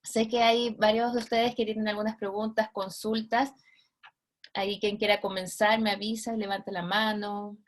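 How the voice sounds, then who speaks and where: A woman's voice: mid-range voice, level tone, normal speed. Brief: woman, chemistry teacher, friendly moderator on a video call. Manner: friendly, thanking and inviting questions. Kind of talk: casual classroom moderation.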